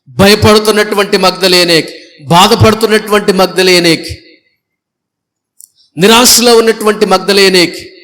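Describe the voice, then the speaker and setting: A man's voice: sits high, a bit bright. A male pastor preaching an Easter sermon to a congregation, emphatic, firing rhetorical questions and repeated lists. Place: church before a congregation.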